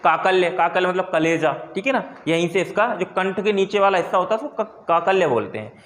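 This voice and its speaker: High-voiced man teaching in echoey room. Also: expressive, brisk, a bit bright. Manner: asks questions then answers them himself; repeats key terms for emphasis. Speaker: Hindi teacher. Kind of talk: classroom lesson.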